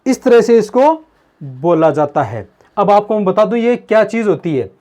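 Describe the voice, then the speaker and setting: A man teaching a grammar lesson on video. He talks slowly and repeats himself, calls the viewers his friends, and asks questions that he then answers himself. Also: high voice, expressive, darkish tone, muffled recording. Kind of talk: video lesson explaining at a board.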